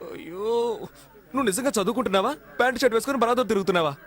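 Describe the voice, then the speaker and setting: An actor playing a cheeky young con man in jail, teasing and quick with retorts in dubbed film dialogue. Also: high voice, a bit bright. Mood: mocking.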